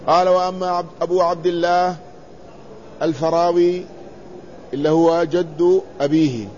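Guy teaching a lesson, reads old text out loud then explains, asks the class stuff, kinda high voice, muffled lo-fi recording. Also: little pitch movement, moderate pace. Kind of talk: traditional lesson, reading a text aloud with commentary. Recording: dull lo-fi recording with faint noise.

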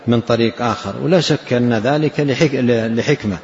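Man slowly explaining religious texts. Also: mid-range voice, a little mellow, muffled recording, slight background noise. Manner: measured, repeats key phrases. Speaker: religious teacher. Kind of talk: explaining hadith in a lesson.

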